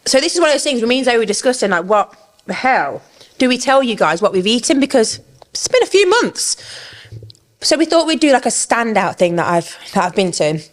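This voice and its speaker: A woman's voice: fairly high pitch, sing-song, a little fast. A young woman, co-hosting a casual podcast, chatty and swearing freely while eating. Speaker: podcast co-host. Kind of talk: casual chat.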